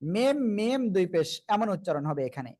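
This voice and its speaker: Quran teacher, man, Bangladeshi Bengali accent, higher voice, patient, drills letters with students. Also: sing-song, a little mellow, no echo. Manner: patient, repeats letters slowly and asks students to repeat. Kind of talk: live online Quran reading class.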